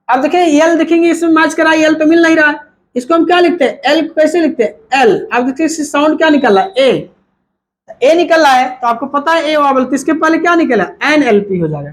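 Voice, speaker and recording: High voice, male teacher, repeats each point as a question and answers it himself, a grammar lesson in mixed Hindi and English. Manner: repetitive, asks and answers his own questions; mixes Hindi with English terms.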